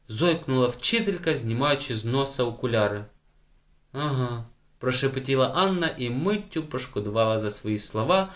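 A man narrating a children's audiobook with lively, varied emphasis. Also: mid-range voice. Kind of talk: scripted narration.

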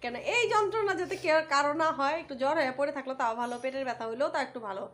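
A woman's voice: high voice, very fast. Chatty woman vlogger at home. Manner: chatty, animated, addresses viewers as brothers and sisters. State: swollen face from toothache. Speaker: village vlogger. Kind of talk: casual vlog chat to viewers.

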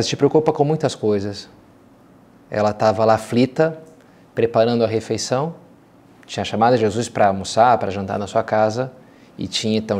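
A man priest who gives a spoken meditation, moving from slow, hushed prayer into a chatty, informal explanation with many tag questions. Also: fairly low pitch.

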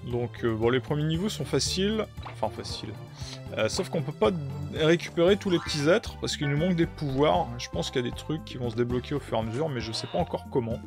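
A man's voice: on the high side, lively intonation, a little fast, gravelly. A young man live-streaming a retro platform game, chatting casually, greeting viewers and explaining as he plays. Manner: chatty, greets chat viewers, many fillers. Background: game music.

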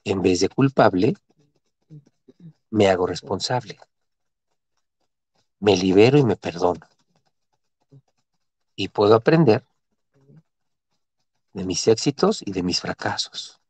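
Middle-aged guy leading a chant session, super slow and deliberate, dry close sound. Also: sits low, expressive, darkish tone, breathy edge, no room sound. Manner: instructive, repeats cues and chants vowels. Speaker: meditation and breathwork guide. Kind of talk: guided body-movement and mantra session.

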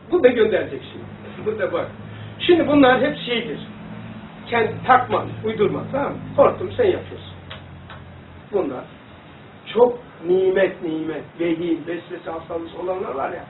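A high-voiced man gives a rambling, animated religious lesson, demonstrating as he talks. He sits well back from the mic in a roomy, echoing space. The sound is thin and phone-like, with a faint hiss behind him. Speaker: religious teacher. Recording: echoey room, distant phone-like mic.

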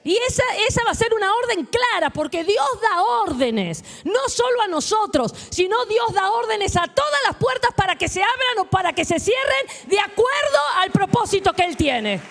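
A woman's voice: very high-pitched, big pitch swings, moderate pace, vocal fry, hardly any pauses, a bit bright, long reverb tail. A woman preacher with a Rioplatense Spanish accent, leading her congregation in prayer and call-and-response during a sermon. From Argentina. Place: church hall.

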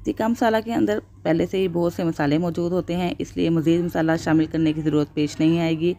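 Low-pitched woman, calm step-by-step recipe voice-over for her own channel. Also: brisk, slight background noise. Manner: steady instructional narration with religious blessings. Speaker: cooking channel host. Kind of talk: voice-over cooking tutorial.

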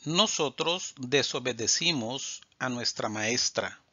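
A man teaching Spanish verb forms in a slow scripted drill, saying each form deliberately and clearly. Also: mid-range voice, lively intonation, bright, forceful tone, no room sound. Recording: dull lo-fi sound.

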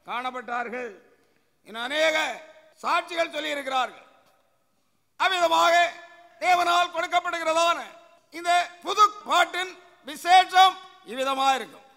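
A male pastor delivers an emphatic, repetitive sermon with a very high, gravelly voice. His speech rings out with a long reverb, as if from a church hall. He keeps asking rhetorical questions and answering them. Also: pushed and bright. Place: church sanctuary.

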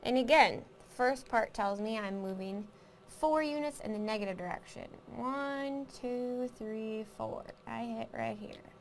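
A woman's voice: a little high, measured pace, slight background noise. Woman teaching a math lesson. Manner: explains step by step, counting aloud and asking questions.

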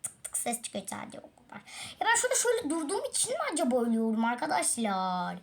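Woman, gaming host, casual let's-play chatter on a tablet, slightly high-pitched, sighing at her fails. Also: very animated, fast, creaky.

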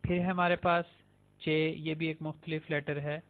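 A man teaching a beginner language lesson, saying each letter slowly and repeating it several times. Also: fairly high pitch, flat delivery. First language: Urdu. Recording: tinny phone-like sound.

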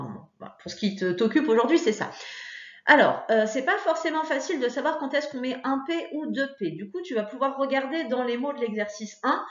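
A woman teacher with a fairly high voice guides young children through a worksheet, patient and encouraging. She pauses on fillers now and then. The sound is roomy and a little dull, as if taped on a basic setup. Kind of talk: recorded lesson for young pupils. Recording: echoey room, dull lo-fi sound.

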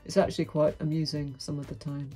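A middle-aged woman vlogger delivers a candid monologue to camera in a small, dim room with a brick wall, frank, outspoken and wry. Her deep, warm voice is level in tone and fast, with soft background music.

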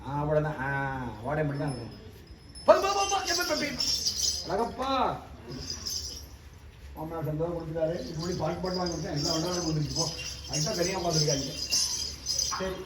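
High-voiced man questioning at a ritual. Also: sing-song, fairly quick, long pauses. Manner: coaxing, questioning, familiar. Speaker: temple oracle medium. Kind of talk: ritual oracle session. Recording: echoey, distant mic, loud background noise.

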